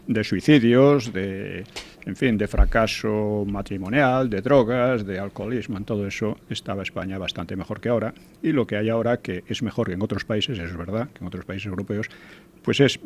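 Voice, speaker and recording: A man's voice: lowish voice, moderate pace, slight background noise. An older man giving conversational commentary as a regular guest, hesitant, with frequent restarts and tag questions.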